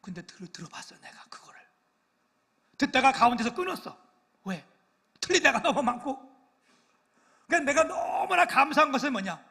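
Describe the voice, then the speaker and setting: An older male pastor preaching in a church, with a high, piercing, very bright voice that is somewhat husky. He tells stories in a wandering way, dropping to near-whispers and then swelling to loud, emphatic peaks. He teases the congregation with self-deprecating humour. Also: very animated, moderate pace, pauses often. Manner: storytelling, swings from hushed asides to loud exclaiming peaks. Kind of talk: sermon. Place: church sanctuary.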